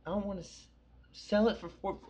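Rambling young man, slightly high voice. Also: steady tone, fairly quick, a crowd in the background. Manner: rambling, profane, storytelling. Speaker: podcast co-host. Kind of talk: casual chat.

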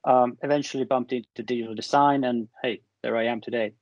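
A man's voice: medium pitch, fairly even intonation, brisk, a little mellow, dry recording. A man from Sweden chatting casually as a panel guest, jokey and self-deprecating. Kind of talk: casual podcast chat. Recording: dull lo-fi remote audio.

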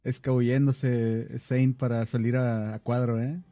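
A software developer from Baja California with a northern Mexican accent chats casually as a podcast co-host. His mid-range voice is mellow with little pitch movement, and he speaks a little slowly. The recording is dry.

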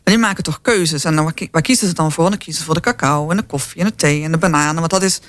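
Man from the southern Netherlands, lively panel talk. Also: on the high side, rapid-fire, no echo. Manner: lively, uses many fillers and rhetorical tags. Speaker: company representative. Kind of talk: panel discussion.

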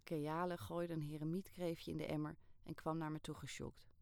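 Lower-pitched woman narrating a story. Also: flat delivery, normal speed, vocal fry, a little mellow, no room sound. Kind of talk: first-person story narration.

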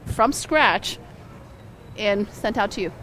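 A woman's voice: medium pitch, lively intonation, slow, fairly bright tone, a little hiss or hum. A woman who owns a restaurant, explaining her dishes in an upbeat, chatty way and laughing easily. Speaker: restaurant owner. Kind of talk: casual food explanation on a show segment.

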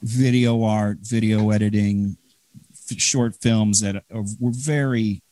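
A man from the Chicago area with a Chicago accent, chatting as a guest in a rambling, halting way full of fillers. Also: fairly low pitch, steady tone, mellow, no echo. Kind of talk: casual interview chat.

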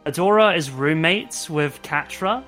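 A young man talks casually as a review show co-host. His voice is bright and somewhat high for a man, with faint music underneath. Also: a little slow.

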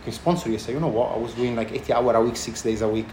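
Casting: male interviewee, thick Italian accent, halting conversational delivery, roomy sound, light background noise. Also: mid-range voice, steady tone, darkish tone. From Italy. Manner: halting, non-native phrasing. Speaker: chef and restaurant owner being interviewed. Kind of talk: casual interview answers. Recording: echoey room with background noise.

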